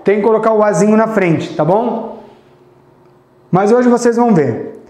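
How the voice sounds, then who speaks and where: Brazilian man teaching English live, high voice. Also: expressive, warm tone, roomy sound. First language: Portuguese. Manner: chatty, encouraging, repeats example phrases slowly; sings snippets of songs to teach. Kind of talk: live online English lesson.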